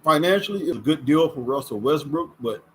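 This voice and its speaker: A quick-paced, animated man in his fifties with a slightly high voice hosts a casual sports talk vlog, chatty and folksy with emphatic words. He uses a camera setup with a ring light, and there's slight background noise.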